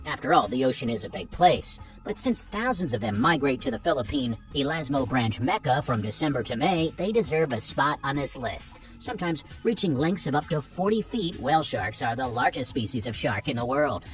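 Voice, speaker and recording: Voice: medium pitch, lively intonation, brisk, hardly any pauses, distant mic. A narrator reading a scripted nature documentary countdown, chatty and speaking straight to viewers with playful asides. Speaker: narrator of a wildlife list video. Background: background music.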